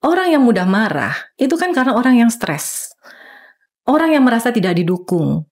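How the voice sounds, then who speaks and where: A woman's voice: fairly high pitch, big pitch swings, moderate pace. A middle-aged woman, a doctor and hypnotherapist, explaining earnestly in a podcast interview, acting out quoted speech as she goes.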